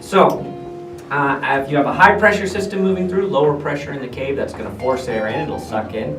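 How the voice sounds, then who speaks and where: A man's voice: medium pitch, a little fast. An American man working as a cave tour guide, telling stories and explaining in a folksy way, putting questions to his group. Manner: echoing cave guide delivery. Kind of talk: guided tour talk with storytelling. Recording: echoey, distant, with guitar music underneath.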